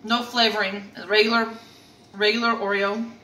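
A woman's voice: mid-range voice, level tone, moderate pace, sharp tone, reverberant, recorded from a distance, poor audio. A woman co-hosting a casual food review, blunt and matter-of-fact, talking while chewing. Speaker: co-host tasting food.

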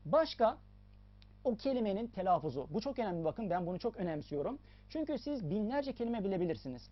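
A woman teacher explains a lesson in a lively, sing-song way, her pitch rising and falling a lot as she stresses and repeats key points. The recording sounds a little dull and lo-fi. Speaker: English teacher.

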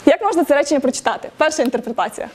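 A woman's voice: high voice, expressive, very fast, slight background noise. A woman giving an interactive lecture at a tech meetup, quizzing the audience, laughing often and encouraging answers.

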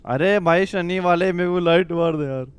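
A man's voice: high-pitched, moderate pace, clear, resonant tone. A man playing a game with friends, blunt and bossy as he tells them what to do. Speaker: gaming teammate. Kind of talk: casual gaming chat.

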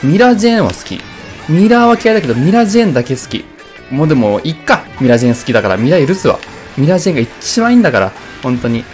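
A young man doing casual let's-play commentary, rambling and joking while reacting loudly to the race. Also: a little high, sing-song, racing, faint music behind. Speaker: gameplay commentator.

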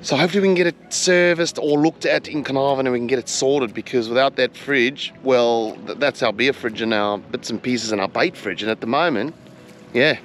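A man's voice: medium pitch, brisk, fairly bright tone, a little hiss or hum. An Australian man in his forties chatting casually to the camera as a travel vlogger, in a laid-back, rambling, colloquial way. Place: outdoors on a beach, some talk in a car. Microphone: handheld action camera at arm's length.

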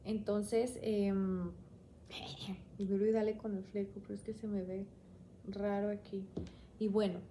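A woman's voice: medium pitch, level tone, measured pace, pauses often, warm tone, a little hiss or hum. A young woman, chatting and rambling as she tells a personal story on her vlog. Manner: chatty, rambling, quoting herself often. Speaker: vlogger.

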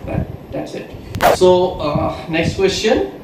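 A man's voice: sits high, slow. A man in his twenties from India who reads out the questions in a casual vlog, sitting in a bedroom. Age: 20s. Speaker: vlogger. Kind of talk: casual Q&A chat. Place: bedroom, indoors. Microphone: far camera. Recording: very echoey room, far mic, loud hiss.

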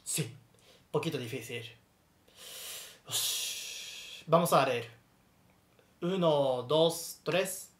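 A Japanese man in his twenties with a Japanese accent, teaching a casual language lesson in slow, careful learner's Spanish. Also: fairly high pitch, reverberant. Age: 20s.

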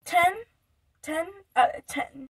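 Slow, rambling higher-voiced woman vlogger. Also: a crowd in the background, low-quality recording. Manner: rambling, filler-heavy with many likes and restarts. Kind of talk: casual chat to camera.

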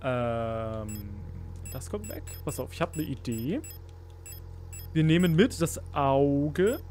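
A man's voice: mid-range voice, animated, takes it slowly, darkish tone, slight background noise. A man commenting casually while playing a horror game, easily startled and pleading with the enemies on screen. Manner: jumpy, pleading and squealing at enemies. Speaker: let's play gamer.

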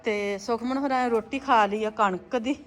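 A woman's voice: a little high, normal speed, faint music behind. A woman with a Punjabi accent chatting casually and homely as she narrates household chores for a family vlog. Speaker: family vlogger.

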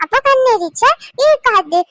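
A woman's voice: very high-pitched, lively intonation, normal speed, bright, forceful tone, dry recording, full character voice. A woman voicing an innocent, caring little boy in a cartoon, talking in a childish way with baby-talk slips. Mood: soothing. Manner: childish, lisping mispronunciations. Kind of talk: cartoon voice acting.

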